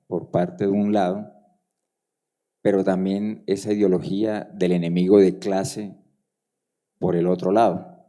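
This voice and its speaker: Man, audience question, very low voice, very dark tone, deliberate. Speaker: audience member asking a question. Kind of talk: question from the floor at a conference.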